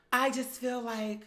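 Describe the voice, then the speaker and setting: Pitched fairly high with a sharp tone, the voice belongs to a woman who hosts an online talk show. She spins gossipy stories and casual commentary in a dramatic, emphatic, sassy and profane way.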